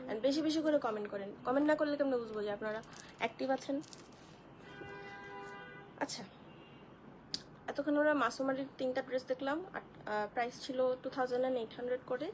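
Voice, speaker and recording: A high-voiced woman hosts a live online clothing sale. She chats with viewers, greets them by name and walks through each dress. A faint noise runs under the recording. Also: fast, long pauses, poor audio. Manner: chatty, addresses viewers as sisters, greets commenters by name. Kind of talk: live-stream product showcase.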